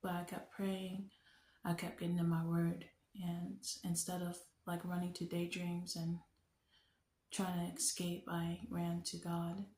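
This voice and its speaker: Young woman vlogger, low and level, earnest faith testimony, echo of a bare room. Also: monotone, a little mellow, a little hiss or hum. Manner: earnest, unhurried, reflective storytelling. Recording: echoey room.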